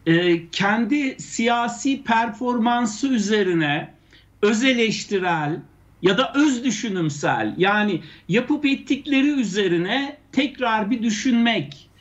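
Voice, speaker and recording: Halting, questioning man, slightly dull audio. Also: sits high, animated. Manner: halting, pauses and restarts, rhetorical questions. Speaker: anthropologist guest. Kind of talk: critical news commentary.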